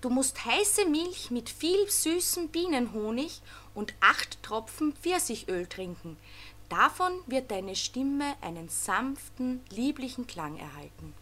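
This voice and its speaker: A woman doing brisk, lecturing storybook angels. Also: fairly high pitch, very animated, bright, forceful tone, full character voice. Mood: advising. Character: fussy, know-it-all grown-up angels. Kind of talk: storybook reading.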